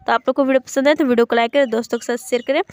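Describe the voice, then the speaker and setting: High, smooth-voiced woman teaching Hindi spelling. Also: fairly even intonation, racing, no echo. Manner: explains step by step, listing word examples with many fillers. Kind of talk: online exam-prep lesson.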